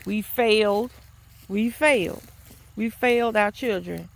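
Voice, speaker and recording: Filming herself in a rural yard or garden, a woman vlogger delivers an earnest, exasperated monologue, restarting often and sounding preachy. She takes her time, speaking with a medium pitch and noticeable vocal fry.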